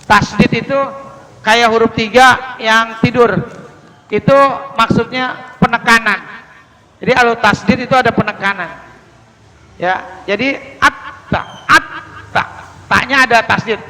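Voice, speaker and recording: A male Indonesian preacher teaching prayer recitation, drilling words slowly with strong stress on each sound. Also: extremely high pitch, steady tone, pushed and bright, slight background noise. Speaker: Islamic preacher. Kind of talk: religious teaching talk. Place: mosque hall. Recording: long hall reverb.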